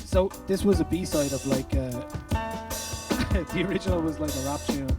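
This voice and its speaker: Over background music, a man with a slightly high voice hosts a relaxed chat at a live album listening event, speaking at a normal pace. He's talkative, leans heavily on "like" and other fillers, and reads quotes out loud.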